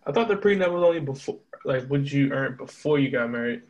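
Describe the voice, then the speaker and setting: A man's voice: mid-range voice, lively intonation, quick pace, rough recording. A man co-hosting a casual podcast, joking and riffing with mock quotes. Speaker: podcast co-host.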